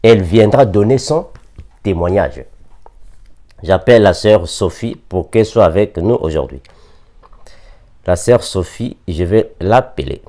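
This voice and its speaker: A man's voice: sits low, animated, unhurried, pauses often, warm tone. A man from Africa preaching a sermon, repeating scripture references and reading verses with emphasis.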